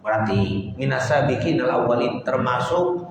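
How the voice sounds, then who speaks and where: A man preaching a storytelling sermon, with lively retelling and Arabic phrases mixed into casual speech. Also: mid-range voice, normal speed, vocal fry. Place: large mosque hall. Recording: very echoey hall, faint ambience.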